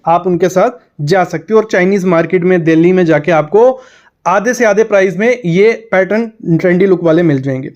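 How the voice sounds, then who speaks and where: High-voiced man giving home design advice. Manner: direct, advice-giving, talks straight to the viewer. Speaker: interior design advisor. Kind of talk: instructional home design explainer.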